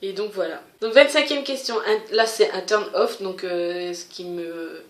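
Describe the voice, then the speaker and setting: A woman's voice: medium pitch, measured pace. A woman vlogger chatting casually to camera as she answers a question tag, hesitant, with many fillers and restarts. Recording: roomy echo.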